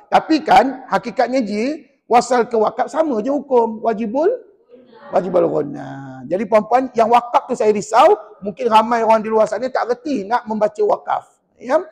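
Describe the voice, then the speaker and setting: A man with a Malaysian Malay accent teaching Quran recitation in a mosque class, drilling and correcting students in a lively, teasing way. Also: sits high, normal speed, vocal fry, breathy edge, big-room sound.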